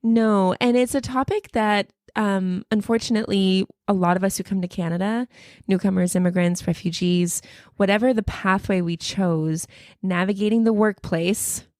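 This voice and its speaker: A woman's voice: medium pitch, steady tone, normal speed, darkish tone, dry recording, clean studio sound. A woman from the United States hosting a casual podcast, chatty and upbeat, often affirming her co-host. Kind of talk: casual conversational podcast chat.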